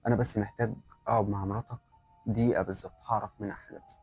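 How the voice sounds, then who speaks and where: A man's voice: lowish voice, level tone, very fast, soft background music, natural voice. A man voicing a grave old sheikh, Egyptian accent. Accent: Egyptian Arabic. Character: elderly male sheikh, calm and grave.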